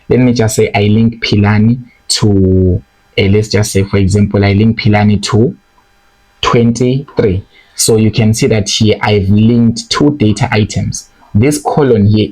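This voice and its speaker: A young man with a lowish, slightly mellow voice and a breathy edge teaches programming in a screen-recorded coding lesson, and the audio quality is poor. He walks through the steps one by one, checking in with "okay?" and "right?".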